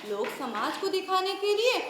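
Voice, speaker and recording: A woman's voice: very high voice, big pitch swings, moderate pace, a bit bright, full character voice. A woman playing a harsh, contemptuous mother-in-law who taunts her daughter-in-law. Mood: taunting. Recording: very echoey room, faint music.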